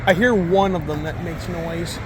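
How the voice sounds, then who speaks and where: A man's voice: a little high, fairly even intonation, unhurried. A man making casual spoken observations as a vlogger, outdoors on location. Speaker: vlogger testing crosswalk buttons. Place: outdoors at a street crossing. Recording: loud outdoor street and car noise. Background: passing traffic.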